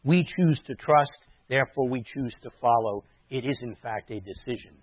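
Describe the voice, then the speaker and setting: A man preaching a sermon in a teacherly way, explaining words and dropping into quiet asides. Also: medium pitch, moderate pace, no room sound. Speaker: messianic rabbi preaching. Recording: dry tinny phone-like sound.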